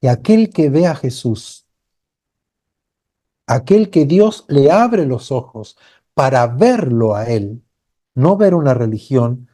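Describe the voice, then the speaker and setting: A man's voice: mid-range voice, big pitch swings, slow, long pauses, mellow. A man preaching a sermon as pastor, earnest and building to fervent cries. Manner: acts out quoted voices of a blind beggar crying out.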